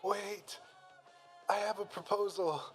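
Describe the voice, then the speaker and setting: A man's voice: sits high, fairly even intonation, takes it slowly, soft background music, pitched above the performer's own voice. A man voicing a worn-out young male fighter who pleads to be spared, in a read-aloud fan story. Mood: weary. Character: young man, weary fighter begging to live.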